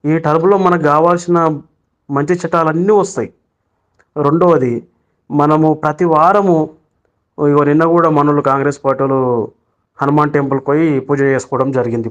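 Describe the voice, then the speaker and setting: A man with a Telangana Telugu accent recording a voice message for a chat group, speaking in an urgent, preachy way with frequent restarts. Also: a little high. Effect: recorded voice message sent to a chat group. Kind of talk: persuasive political voice message. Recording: lo-fi phone voice note.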